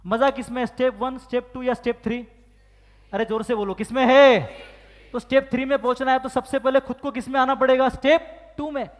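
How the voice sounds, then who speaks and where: A man with a very high-pitched, steady voice speaks fairly quickly while giving a motivational business training session before a live audience in a big, echoing hall. He peppers listeners with questions, insists they answer loudly, and performs mock phone calls and excuses.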